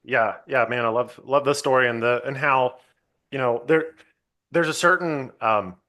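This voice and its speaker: Bright-voiced thoughtful male podcast host. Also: mid-range voice, normal speed. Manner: reflective, thoughtful, laid-back. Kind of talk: casual conversation.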